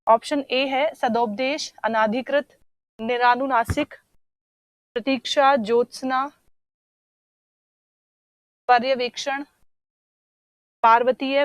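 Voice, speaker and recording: A woman's voice: on the high side, no echo. A woman teaching a Hindi language lesson for exam preparation, patiently explaining each answer and repeating key words. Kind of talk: online exam-prep lesson.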